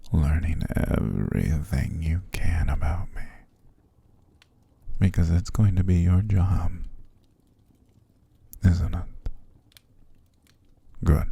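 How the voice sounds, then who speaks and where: A low-voiced man, heavily acted, plays a possessive, seductive vampire master in an ASMR roleplay. Calm and commanding, he speaks slowly and formally, soothing but controlling, often sinking into a gravelly whisper.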